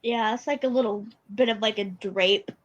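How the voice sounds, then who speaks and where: A woman's voice: medium pitch, fairly even intonation, poor audio. A woman co-hosting a casual podcast, chatting eagerly about a TV episode. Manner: chatty, enthusiastic, quick laughs. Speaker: podcast co-host. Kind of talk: casual episode recap chat.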